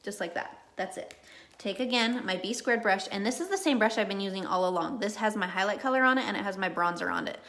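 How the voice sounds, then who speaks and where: A woman's voice: medium pitch, animated, fast, fairly bright tone. Chatty, reassuring woman doing makeup. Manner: chatty and reassuring, drifts off on tangents. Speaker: makeup artist. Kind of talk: live makeup tutorial.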